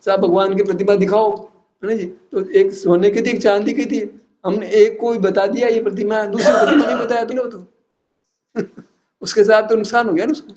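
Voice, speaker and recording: A man's voice: sits high, steady tone, moderate pace, darkish tone, highs cut off. A man giving a religious philosophical discourse, teasing his listeners with rhetorical questions and chuckling at his own points. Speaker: religious teacher.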